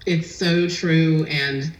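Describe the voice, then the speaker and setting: A woman's voice: deep voice, steady tone, drawn-out words. A woman in her thirties, a business owner guest, talking in a chatty, outgoing way and laughing easily. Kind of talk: casual interview chat. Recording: echoey room.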